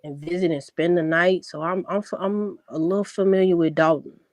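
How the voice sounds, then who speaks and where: A woman's voice: lowish voice, fairly even intonation, brisk, dry recording. A woman with a Chicago accent tinged with the South, chatting as a guest, laughing often and repeating words as she starts. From born in Florida, raised in Chicago. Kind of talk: casual chat.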